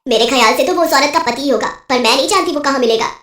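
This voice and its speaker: A woman voicing a frightened young female witch in a cartoon, pleading and quick. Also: sits high, fairly bright tone. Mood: worried. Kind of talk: cartoon voice acting. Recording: roomy echo.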